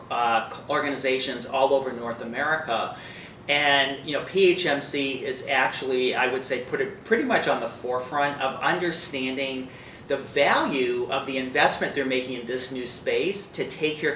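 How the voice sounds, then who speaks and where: A man's voice: medium pitch, pushed and bright. A man speaking enthusiastically as a workplace consultant in a corporate video interview, with some fillers. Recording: roomy, distant mic, faint noise.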